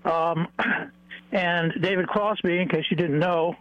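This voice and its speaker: Older guy calling in on the phone to a radio show, fairly high voice, muffled dry line, rambles with lots of ums. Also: fairly even intonation, dry recording. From Santa Barbara, California. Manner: rambling, halting with fillers. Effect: heard over a phone line on the radio. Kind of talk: call-in reminiscing.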